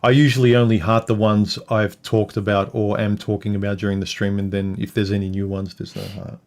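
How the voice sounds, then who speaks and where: Here the husband of a couple's livestream speaks a little fast in a lowish, darkish voice with flat delivery. Chatting casually with his wife over a livestream mic, he rambles, drifts off track and swears offhandedly.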